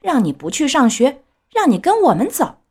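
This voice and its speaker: Brief: woman reading as shrill taunting schoolboys, loud and bratty, storybook gang. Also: huge pitch swings, moderate pace. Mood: jeering. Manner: shrill, jeering and shouty. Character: gang of rude, mocking schoolboys.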